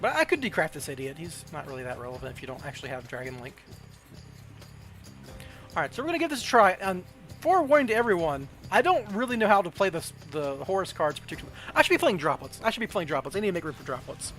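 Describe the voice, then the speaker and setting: With faint music in the background, a Southern-accented man from the southern United States plays a card game on a casual livestream, thinking aloud and second-guessing his choices. He speaks quickly in a voice on the high side, a bit bright, with big swings in pitch.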